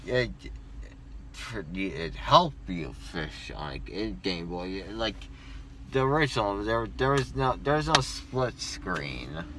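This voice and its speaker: A young man, groggy from sedation after oral surgery, rambles casually with thick, numb bloody-mouth speech, halting and repeating words. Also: lowish voice, sing-song. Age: young adult. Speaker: passenger just out of wisdom tooth surgery. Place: inside a moving car. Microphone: phone held at arm's length. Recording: loud car road noise.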